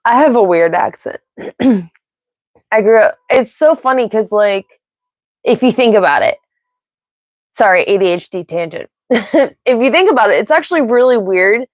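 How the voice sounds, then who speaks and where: A woman's voice: a little high, expressive, moderate pace, pauses often, no room sound. Giggly American woman chatting live. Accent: mixed Pennsylvania and Ohio. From United States. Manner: rambling, giggly, off on tangents. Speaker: livestream host. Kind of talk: casual live-stream chat. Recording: dry, slightly dull sound.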